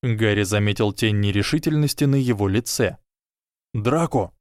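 A man narrating a story aloud in a lively, expressive way. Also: medium pitch, normal speed, dry recording, clean studio sound. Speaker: audiobook reader.

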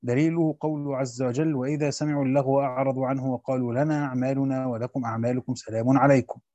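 A man reading a classical Quran commentary aloud in a steady scholarly way, often repeating a phrase to correct himself. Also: medium pitch, very fast, no room sound, muffled recording.

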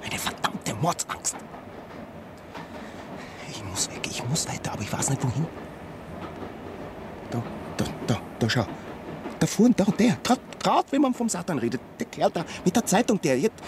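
Haunted writer, restless swinging pitch. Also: male voice, big pitch swings, background noise. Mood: fearful, paranoid. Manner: agitated, brooding, halting repetitions and muttering. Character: haunted, fearful male writer, anxious and bitter. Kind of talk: radio play acting.

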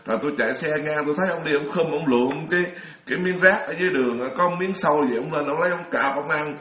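Chatty monk with a raised voice in an echoey room. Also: male voice, a little high, rapid-fire, sharp tone. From Vietnam. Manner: chatty storyteller, laughs often, many restarts. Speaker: Buddhist monk lecturer. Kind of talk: dharma talk.

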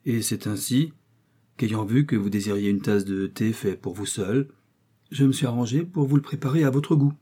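Man reading as modest young girl, gentle, slightly husky, audiobook. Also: medium pitch, normal speed, lightly acted. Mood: polite.

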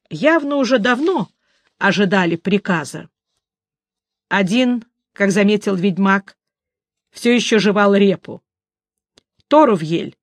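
A woman reading an audiobook as narrator in a steady, unhurried manner. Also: mid-range voice, no echo, studio quality. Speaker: audiobook reader. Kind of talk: scripted narration.

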